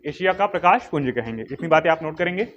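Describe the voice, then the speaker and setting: A man's voice: fairly high pitch, animated, fast, a bit bright, lo-fi sound. A man teaching a history coaching class, who asks questions, answers them himself and repeats the key names again and again. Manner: drills key names by repetition, dictates notes.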